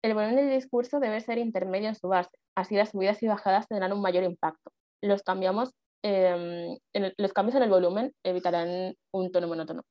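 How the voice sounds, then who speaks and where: A woman's voice: mid-range voice, a little fast, mellow, dry recording, lo-fi sound. A woman giving a workshop on public speaking, explaining casually with fillers and rhetorical questions. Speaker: speech workshop instructor and speech judge.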